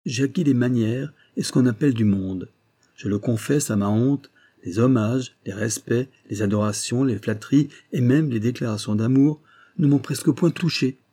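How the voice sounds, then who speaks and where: A man reading aloud, voicing a proud, composed young village woman who pleads her case in formal, measured speech. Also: mid-range voice, dark tone, close to an everyday voice. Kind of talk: audiobook reading.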